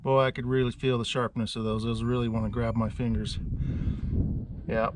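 Middle-aged man, plain-spoken outdoor instructor; close action-camera sound, steady background noise. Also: medium pitch, moderate pace, far from the mic. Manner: folksy, plain-spoken, self-correcting. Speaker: chainsaw instructor. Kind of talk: casual outdoor how-to demonstration. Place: outdoors in a rural yard.

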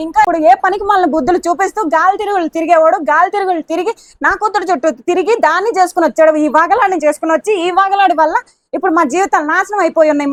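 A woman's voice: very high-pitched, no room sound, clean studio sound. A woman voicing an older mother-in-law who scolds her son-in-law with insults. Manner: shouting insults, repeats "sir".

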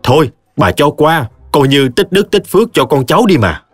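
A village bystander coaxes and pleads in a slightly raised voice, as a male storyteller puts it on. The tone is persuasive and lively, in a storybook telling. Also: fairly high pitch, normal speed, husky, dry recording, soft background music, pitched above the performer's own voice. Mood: coaxing. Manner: coaxing, pleading.

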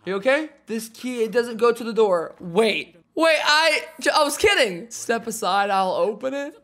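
In a small room at home, a man in his twenties wearing a headset reacts casually and excitedly to an anime episode, exclaiming, laughing and reading the subtitles aloud. His voice is extremely high and his speed is normal.

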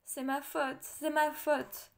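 A woman's voice: sits high, moderate pace, fairly bright tone. A woman voicing an anxious king and worried father, speaking in agitated, raised outbursts in a storybook reading.

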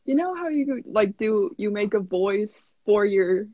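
A woman's voice: mid-range voice, expressive, measured pace, no room sound. Shy young woman, dry lo-fi sound. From South Dakota, US. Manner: shy, hesitant, giggly. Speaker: interview guest. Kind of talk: casual interview.

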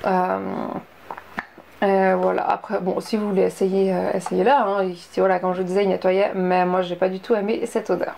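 A woman's voice: mid-range voice, level tone, normal speed, vocal fry, darkish tone, slight background noise. A young woman chatting casually through a beauty product review, full of fillers and asides. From Switzerland. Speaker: beauty vlogger.

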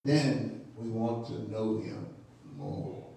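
A man's voice: lowish voice, steady tone, dark tone, a little hiss or hum. A man, a bishop, teaching a midweek Bible study sermon in a church, drawing out his phrases and calling out to the congregation for responses. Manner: unhurried, drawn-out phrases with call-and-response to the congregation. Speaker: bishop preaching. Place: church sanctuary. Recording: echoey church hall from far off.

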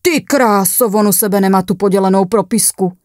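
A woman's voice: medium pitch, a little mellow, dry recording, studio quality, close to an everyday voice. A woman voicing a rude, impatient young male paramedic who barks orders and mocks in coarse slang, in a horror story reading. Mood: mocking, impatient.

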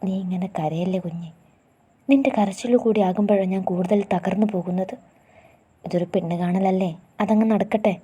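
A woman voicing a young male auto driver who speaks quietly and tenderly to his girlfriend. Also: mid-range voice, normal speed, long pauses, husky, natural voice. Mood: reassuring. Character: gentle young man, auto driver, protective lover.

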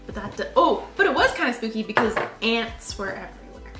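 A woman with a bright, ringing voice, joking wryly through a casual chat. She sits a touch high in pitch. An echoey room carries her voice. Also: big pitch swings, brisk, soft background music. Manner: playful, wry joking. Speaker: co-host.

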